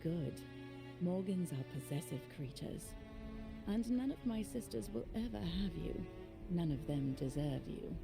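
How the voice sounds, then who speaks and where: A woman's voice: lowish voice, expressive, a little slow, creaky. A woman playing a possessive, hungry female sea creature who seduces mortals in a sultry, tempting game performance. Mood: possessive desire. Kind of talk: video game voice acting. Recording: music playing behind.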